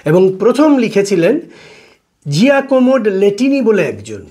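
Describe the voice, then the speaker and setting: A man lecturing on poetry as a teacher, pausing often with fillers and reading English verse slowly. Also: sits high, very animated, dark tone. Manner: hesitant, full of fillers, reads English lines slowly. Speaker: literature teacher.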